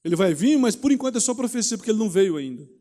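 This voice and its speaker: A man with a high but mellow voice, preaching in an easy, conversational way and tossing out rhetorical questions. His words ring out through a church hall with a long echo, as if he stands before a congregation. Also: sing-song, rapid-fire. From Brazil. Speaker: pastor teaching a Bible study. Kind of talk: sermon teaching.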